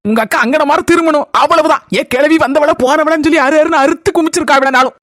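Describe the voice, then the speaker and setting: Squeaky super fast cartoon gossip, kanyakumari tamil, sly, dry sound. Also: a bit bright, no echo. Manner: cheeky, scheming. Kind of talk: cartoon dialogue.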